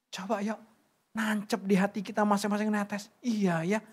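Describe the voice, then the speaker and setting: A woman's voice: a little high, a little mellow, breathy edge. A middle-aged woman preaching a sermon at a church service, chatty and joking, with many rhetorical questions.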